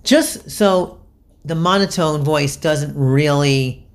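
A man hosting a solo podcast, giving candid, chatty advice in an animated, self-deprecating way. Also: a little high, takes it slowly. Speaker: podcast host.

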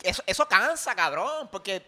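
A young man with a Puerto Rican accent talks in a casual chat, his voice sitting very high and sounding sharp and bright. He rambles and argues heatedly, peppering everything with curse words. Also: sing-song, normal speed. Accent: Puerto Rican Spanish. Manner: heated, rambling, constant swearing.

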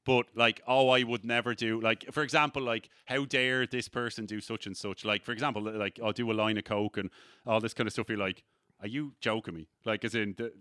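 Bright-voiced man, casual swearing chat. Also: fairly low pitch, steady tone, brisk, clear, resonant tone, no room sound, studio quality. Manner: swearing, rambling, acts out quoted people.

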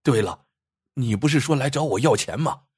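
A man voicing a calm, crafty commoner who teases an official in a mock-polite, unhurried way, with a husky voice. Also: medium pitch, no room sound, clean studio sound. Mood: sly, calm. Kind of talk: storybook reading.

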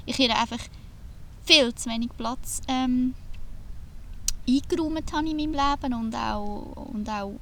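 Give me a woman with a slightly high, bright voice, reflecting hesitantly in casual chat. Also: unhurried, pauses often. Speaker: podcast co-host. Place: inside an old camper van.

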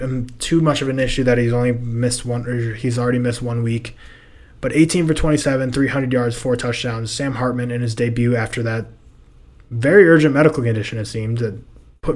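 Young male podcast host, going hoarse, talks sports in a loose, rambling way at a mid-range pitch. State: hoarse, losing his voice. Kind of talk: casual sports talk.

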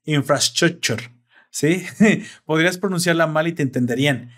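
A young man with a Mexican Spanish accent holds forth in a relaxed chat, explaining at length. His voice sits a bit high for a man, and he drops in salty slang as he goes. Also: fairly quick. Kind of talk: casual chat.

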